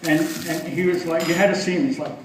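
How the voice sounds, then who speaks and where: A man's voice: fairly high pitch, fairly even intonation, fast. Man, stand-up set, teasing the crowd, distant mic, laughing audience. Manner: chatty, self-mocking, teasing the audience. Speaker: stand-up comedian. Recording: echoey club from far off.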